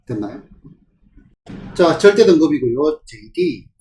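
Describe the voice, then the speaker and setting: A man's voice: fairly high pitch, sing-song, a little slow, a little mellow. Man tutoring math in an echoey room. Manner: questioning, with frequent rhetorical check-ins. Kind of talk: classroom problem walkthrough. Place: tutoring classroom. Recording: echoey room with faint ambient noise.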